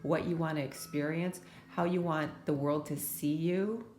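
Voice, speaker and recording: A woman with a deep, steady voice gives a soothing pick-a-card tarot reading at normal speed in a roomy-sounding space. Allergies make her voice a bit scratchy, and her soft spiritual talk is full of "right?" asides.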